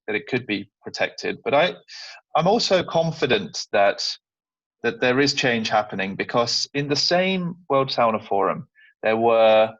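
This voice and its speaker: A man's voice: fairly low pitch, fairly bright tone, dry recording, lo-fi sound. A man from the United Kingdom, a sauna business guest, explaining earnestly with fillers over a video call.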